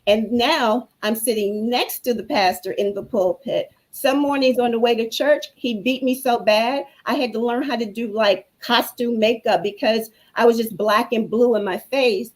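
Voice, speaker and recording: A woman's voice: on the high side, normal speed, few pauses, low-quality recording. Earnest woman giving preacherly testimony. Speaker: guest speaker. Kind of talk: personal testimony on a talk show.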